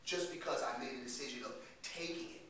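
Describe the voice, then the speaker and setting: Workshop speaker, a man, storytelling to youth, in a boomy echoey room. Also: fast talker, slight background noise. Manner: animated, slangy storytelling with laughs. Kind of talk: storytelling talk to young people. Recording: echoey room, distant mic.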